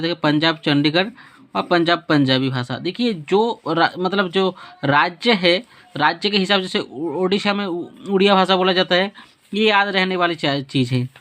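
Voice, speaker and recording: A man's voice: on the high side, fairly bright tone. Man teaching step by step. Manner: explains step by step, asks and answers his own questions; repeats words and fixes slips as he goes. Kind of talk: classroom lesson with a map.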